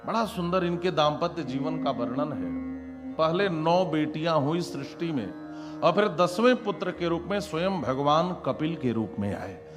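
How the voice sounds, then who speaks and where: A man's voice: fairly high pitch, lively intonation, moderate pace. A man telling devotional scripture stories as a sermon, dramatic, acting out the characters' lines with exclamations. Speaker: Bhagavat katha preacher. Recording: long reverb with instrumental music behind.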